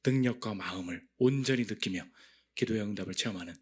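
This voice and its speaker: A man pastor preaching a Friday prayer meeting sermon in a lively way, acting out inner voices with big jumps in pitch and loudness. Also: fast, slightly rough. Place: church.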